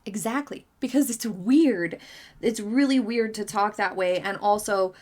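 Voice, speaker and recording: A woman's voice: mid-range voice, a little slow. Chatty woman hosting a commentary vlog. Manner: chatty, opinionated, many hedges and fillers. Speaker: commentary channel host. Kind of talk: casual commentary reading viewer comments.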